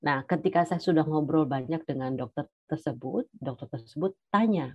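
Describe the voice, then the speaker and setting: A middle-aged woman giving a personal testimony as a cancer survivor, hesitant, with many pauses and fillers. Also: low voice, a little mellow, dry recording, muffled recording. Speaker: cancer survivor sharing her story.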